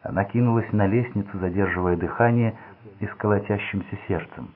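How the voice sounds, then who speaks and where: A man narrating an audiobook story in steady scripted narration. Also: fairly low pitch, fairly quick, a little hiss or hum. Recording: phone-like narrow band.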